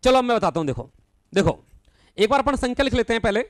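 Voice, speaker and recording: Male maths teacher, very high pitch, smooth voice, live online class, counts numbers aloud, blunt but patient corrections. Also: lively intonation, very fast, no echo. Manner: calls students by name, affectionately addresses them as son.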